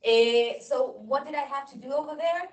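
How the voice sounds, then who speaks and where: A woman from Chile, a native Spanish speaker in her thirties, gives a guest lecture over a video call, often pausing on fillers and restarting sentences. Her voice sits a little high and sounds set back from the laptop mic. The room around her is echoey. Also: far from the mic. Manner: hesitant with many fillers and apologetic restarts. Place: indoor room. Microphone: laptop microphone on video call.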